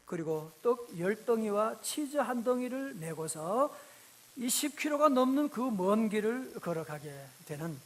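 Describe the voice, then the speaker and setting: A man's voice: sits high, expressive, unhurried. A man preaching a sermon as pastor, telling the story vividly and asking the congregation rhetorical questions.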